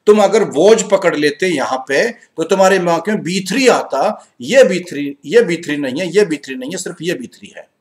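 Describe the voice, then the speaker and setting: A man with an Indian accent teaching an English grammar live class in a mix of Hindi and English, energetic and coaxing, reading sentences slowly and murmuring to himself while he checks answers. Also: a little high. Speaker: exam-prep English teacher. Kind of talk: live online class, Hinglish.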